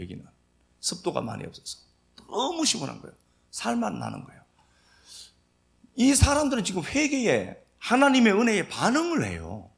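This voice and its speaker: A man preaching a sermon as pastor, telling the story vividly and swinging between loud emphasis and soft asides. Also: high voice, vocal fry. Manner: lively storytelling, acting out dialogue.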